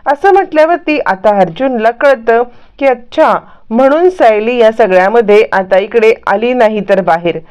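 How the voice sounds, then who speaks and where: A woman's voice: on the high side, normal speed, darkish tone, smooth. A woman casually retelling a serial episode, linking each step plainly. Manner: plain retelling with many "asa mhatlyavarti" links. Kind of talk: casual story recap narration. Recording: muffled lo-fi recording.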